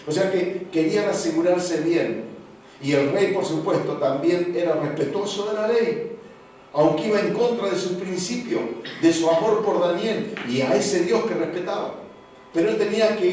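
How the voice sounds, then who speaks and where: A man with an Argentine accent preaching a sermon as pastor, going from hushed passages to loud exclamations. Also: on the high side. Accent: Argentine Spanish. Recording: echoey hall from far off, faint noise.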